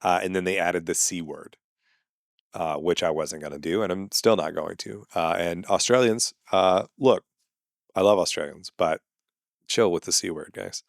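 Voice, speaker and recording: Male comedian, lowish voice, dry close sound, casual wry storytelling full of fillers. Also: normal speed, gravelly, no room sound.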